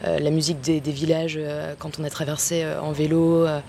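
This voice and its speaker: A woman's voice: low-pitched, flat delivery, brisk, crowd noise. A woman, a doctor, chatting enthusiastically about a race with lots of hesitations. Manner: enthusiastic, many fillers. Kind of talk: casual interview. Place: outdoors in Cambodia.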